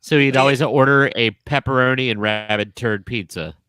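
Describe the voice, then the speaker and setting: A man's voice: mid-range voice, fairly even intonation, moderate pace, bright, forceful tone, clean tone, no echo. A man co-hosting a podcast in casual chat, emphatic as he argues and tells stories. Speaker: podcast co-host.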